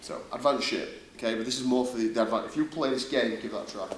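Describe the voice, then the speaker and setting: A man with a Yorkshire accent coaching a martial arts seminar, talking through demonstrations step by step in an informal, blokey way with quick checking questions. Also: mid-range voice, steady tone. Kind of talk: hands-on demonstration teaching with casual banter. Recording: echoey room, distant mic, faint noise.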